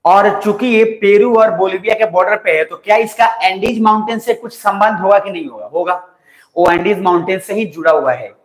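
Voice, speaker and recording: A young male teacher with a high, bright voice gives a coaching lecture. He is talkative, slows down to dictate notes, and keeps checking that the class follows. The sound is roomy and echoes off the classroom walls. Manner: talkative, dictates notes slowly, asks students if they follow. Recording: roomy echo.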